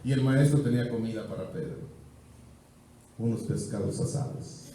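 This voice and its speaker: A male pastor with a Mexican accent preaching an evangelistic sermon, building through repeated phrases and falling back to quiet stretches. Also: lowish voice, moderate pace, a little hiss or hum. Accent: Mexican Spanish. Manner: rhythmic preaching with repeated phrases, swelling and dropping. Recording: very echoey church hall, mic far off.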